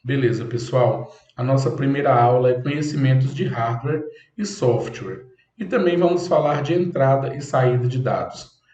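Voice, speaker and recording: Medium in pitch and a little mellow, the man speaks at a moderate pace as he lectures a computer class. He breaks things down step by step and keeps asking "ok?" The room echoes and the audio sounds dull and lo-fi.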